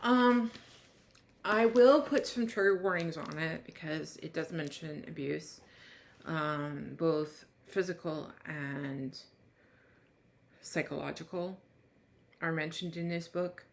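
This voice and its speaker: A woman with a somewhat low voice reviews a book in a casual vlog. She reads the back-cover blurb aloud, then drifts into loose, rambling chat full of restarts and half-finished thoughts. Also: takes it slowly, creaky.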